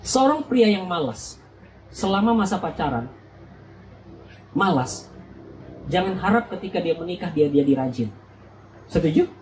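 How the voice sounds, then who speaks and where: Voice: medium pitch, big pitch swings, unhurried, long pauses, darkish tone, slight background noise, poor audio. A young adult speaker preaching at a church youth retreat. They act out little scenes and keep quizzing the audience. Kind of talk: lively youth sermon.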